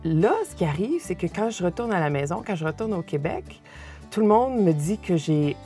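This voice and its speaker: A woman's voice: fairly low pitch, animated, moderate pace, dark tone, faint music behind. A woman with a Québécois accent answering casually and emphatically.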